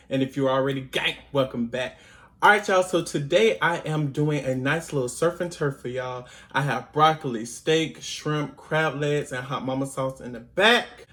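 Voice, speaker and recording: A man's voice: a little high, fairly bright tone. Chatty man eating on camera. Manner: chatty, addresses viewers as y'all, hums while chewing. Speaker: mukbang vlogger. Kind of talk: casual eating vlog chat.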